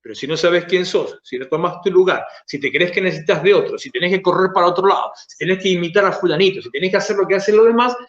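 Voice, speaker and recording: A pastor with an Argentine Spanish accent preaching a sermon, stretching key phrases for emphasis and then dropping to soft, low asides. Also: male voice, fast talker, hardly any pauses, echoey room, lo-fi sound.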